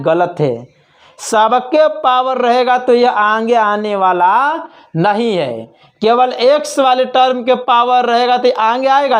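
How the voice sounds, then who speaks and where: A man teaching a math class online, explaining step by step, repeating points and asking the students questions. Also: extremely high pitch.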